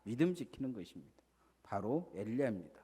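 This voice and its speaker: A man's voice: mid-range voice, very animated, fairly quick, dark tone, slightly rough. A man pastor delivering a Sunday sermon, asking rhetorical questions and leading the congregation to repeat after him. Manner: preaching with rhetorical questions and call-and-response. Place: church sanctuary. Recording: church sanctuary with long reverb.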